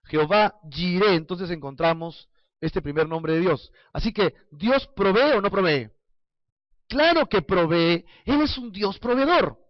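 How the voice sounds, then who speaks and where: Male preacher, high-pitched, playful and questioning; dry, muffled recording. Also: no echo. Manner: playful, acts out little scenes and asks the congregation questions. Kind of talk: sermon. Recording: dull lo-fi sound, dry.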